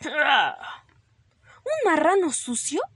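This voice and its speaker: A woman's voice: high-pitched, big pitch swings, fairly bright tone, dry recording, pitched above the performer's own voice, exaggerated voice. A woman voicing a bossy mother rabbit, firm and scolding, in a storybook read-aloud. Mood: questioning. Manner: firm and scolding, quick to alarm.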